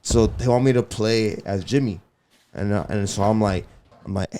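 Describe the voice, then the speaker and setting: A man's voice: lowish voice, normal speed, warm tone. A man co-hosting a podcast in casual slangy chat, talking with a mild stutter and repeating himself a lot. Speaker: podcast co-host.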